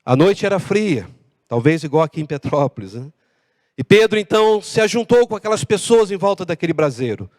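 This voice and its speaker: A Brazilian man preaching a sermon as pastor, acting out dialogue with lively changes of voice. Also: high voice, fairly quick. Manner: animated preaching with acted-out dialogue. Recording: long hall reverb.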